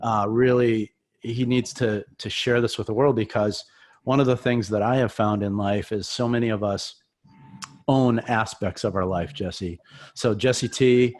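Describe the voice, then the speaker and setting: Upbeat, low-voiced male interviewer. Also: fairly even intonation, a little slow, a little mellow. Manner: upbeat, encouraging. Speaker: mentor and interviewer. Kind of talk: enthusiastic interview.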